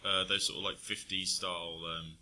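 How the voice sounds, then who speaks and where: Low-voiced man with bright tone. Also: flat delivery, normal speed. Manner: rambling, hesitant, many fillers. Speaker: podcast co-host. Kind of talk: casual chat.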